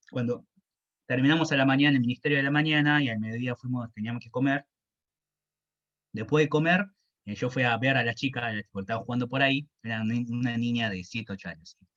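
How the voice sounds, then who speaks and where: A man's voice: mid-range voice, pushed and bright. Guy telling his faith story, stops and repeats himself a lot, kinda muffled audio. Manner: halting, reflective, repeats words. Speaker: student evangelist. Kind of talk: personal faith testimony.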